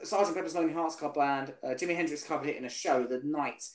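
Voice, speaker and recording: A man's voice: a little high, fast talker. A man hosting a podcast, chatting casually and quizzing his guest with many restarts and fillers. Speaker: podcast host. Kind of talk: casual chat. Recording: echoey room.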